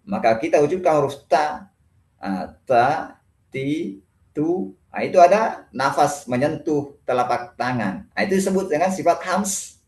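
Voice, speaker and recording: In an echoey mosque hall, a man with an Indonesian accent gives a religious lesson on Quran pronunciation. His voice is fairly high, expressive and darkish, at a moderate pace, and he explains patiently, repeating syllables to demonstrate each letter sound.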